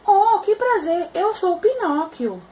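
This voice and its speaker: A woman's voice: extremely high pitch, big pitch swings, measured pace, mellow, a little hiss or hum, pitched above the performer's own voice, exaggerated voice. A woman voicing a cheerful wooden puppet boy in a storytelling for small children, eager and sing-song. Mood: chirpy.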